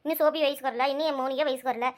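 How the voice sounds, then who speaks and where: A woman voicing a worried village mother of two who talks in a brisk, chatty, bossy way. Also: high voice, steady tone, lightly acted.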